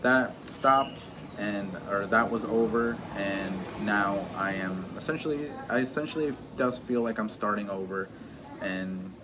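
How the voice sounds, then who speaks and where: Speaking from his home in Mexico, a man in his thirties opens up in a personal vlog, his lowish voice stumbling through fillers, pauses, and frequent restarts. Steady background noise runs beneath the dull, lo-fi sound.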